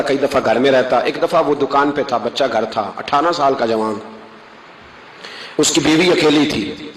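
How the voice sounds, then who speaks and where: A man's voice: on the high side, echoey room, a little hiss or hum, poor audio. A man preaching a sermon, telling moral stories with emphatic rises and acting out quoted voices.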